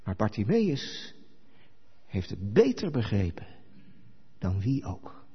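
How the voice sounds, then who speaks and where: Husky-voiced male preacher in an echoing hall. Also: fairly low pitch, slow. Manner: animated storytelling, acting out quoted dialogue. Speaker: pastor. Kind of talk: sermon. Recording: echoey hall, dull lo-fi sound.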